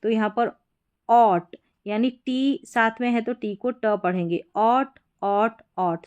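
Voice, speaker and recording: A young woman teaching English pronunciation, spelling out letters slowly and repeating each word several times. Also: medium pitch, a little mellow. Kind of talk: explanatory lesson.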